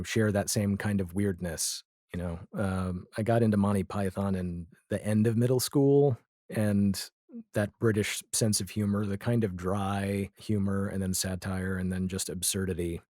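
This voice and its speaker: A comedy and audio drama writer in his forties appears as an interview guest, talking casually and reflectively with a wry storytelling manner. His voice is lowish and warm, captured in a dry, studio-quality recording.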